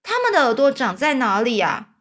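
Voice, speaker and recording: A woman's voice: sits high, sing-song, fairly quick, a bit bright, voice pushed up, heavily acted. A woman voicing a curious young boy who asks eager, wide-eyed questions in a children's storybook.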